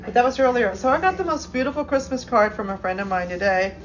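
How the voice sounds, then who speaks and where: A woman's voice: a little high, fast talker, muffled recording. A woman chatting casually on a phone live stream, rambling with many restarts. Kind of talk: casual chat.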